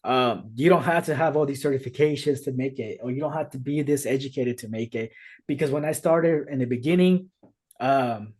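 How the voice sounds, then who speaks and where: A podcast host from the United States, whose first language is Spanish, tells his own story earnestly in a casual conversation over a video call, restarting often. His medium-pitched voice is fairly quick, a little mellow and has a breathy edge.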